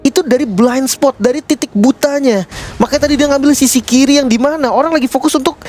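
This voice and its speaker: A man's voice: extremely high pitch, fast, darkish tone, soft background music. A man giving casual, colloquial analysis as co-commentator on a live esports match. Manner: colloquial, repeats short agreeing phrases.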